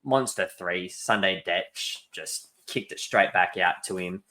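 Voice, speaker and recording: Deep, bright-toned young man. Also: a little slow. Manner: enthusiastic, joking. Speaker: podcast co-host. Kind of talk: casual podcast chat.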